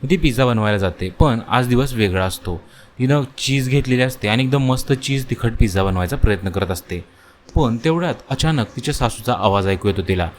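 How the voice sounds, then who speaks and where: A man's voice: mid-range voice, animated, brisk, slight background noise. A man narrating a children's cartoon story in a plain storytelling way, talking to listeners as friends.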